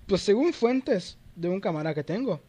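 A young man with a Mexican Spanish accent, in slangy casual chat on a call, throwing in quick short interjections. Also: sits high, expressive, background noise.

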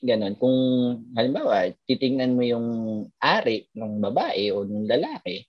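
A man's voice: mid-range voice, moderate pace, slightly rough, lo-fi sound. A man who works as a doctor, telling funny hospital stories in a casual chat and acting out the voices of the people in them. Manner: animated, laughs a lot, acts out voices in anecdotes. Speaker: doctor and podcast host.

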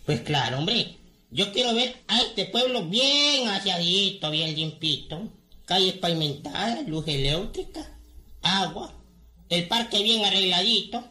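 A man playing a jovial, placating small-town mayor in a comedy sketch, with rustic slang and drawn-out interjections. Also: lively intonation, roomy sound, heavily acted. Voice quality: high, bright voice with rustic slang. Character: folksy male village mayor, jovial and placating. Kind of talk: radio comedy sketch acting.

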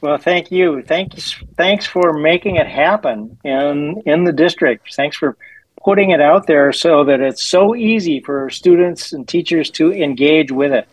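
Modest guy guest talking real slow, dry sound. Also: on the high side, slightly rough, no echo, poor audio. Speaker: podcast guest. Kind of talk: casual interview answers.

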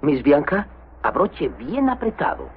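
Timid cartoon mouse, very husky, stammering, fretful, lively pitch, muffled audio. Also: male voice, unhurried, exaggerated voice. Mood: nervous. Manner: hesitant, stammering, worried. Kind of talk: animated film dubbing.

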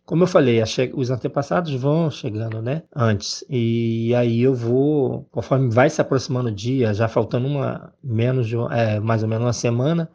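Gravelly man teaching, lo-fi sound. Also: medium pitch, dark tone. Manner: conversational, many tag questions, emotional storytelling. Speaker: reverend teaching a spiritual class. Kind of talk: informal spiritual teaching talk. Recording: dull, lo-fi recording.

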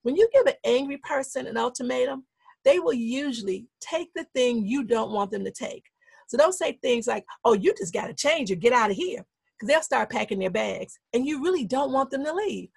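A woman giving an instructional talk, setting out numbered steps in a steady coaching tone and repeating the key points for emphasis. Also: high-pitched, moderate pace, gravelly, husky, dry recording. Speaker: speaker teaching anger management.

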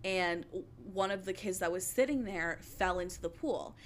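A young woman chatting casually, telling an animated story full of "like.". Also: fairly low pitch, moderate pace, a little hiss or hum. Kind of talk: casual chat.

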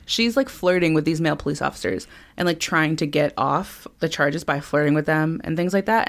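Low-voiced woman podcast co-host. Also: creaky. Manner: storytelling, laughs often, acts out quotes. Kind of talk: casual chat.

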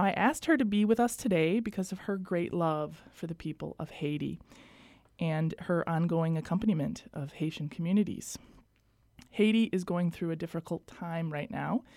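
A woman hosts a radio program with a somewhat low, mellow voice. She introduces her guest gently and graciously before easing into the interview. The studio sound is close and dry. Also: no echo. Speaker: radio host.

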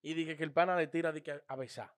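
A man's voice: fairly high pitch, fast talker, no room sound. A man telling teasing stories in casual group chat. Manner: animated storyteller, teasing.

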